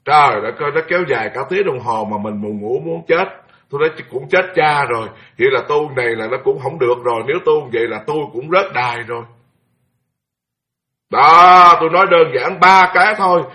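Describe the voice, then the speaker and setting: Male monk, lively storytelling sermon, somewhat high pitch. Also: fairly quick. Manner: animated, exclaiming, mimics chanting for effect. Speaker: Buddhist monk giving a dharma talk. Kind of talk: sermon told as personal anecdote.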